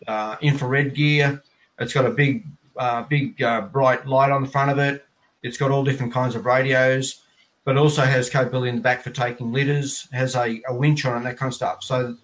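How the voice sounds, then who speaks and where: Here a man in his fifties from Australia, working as an air traffic controller, answers interview questions on a video call. His medium-pitched voice has a bit of brightness, and he explains things conversationally from a plain room. The recording is of poor quality.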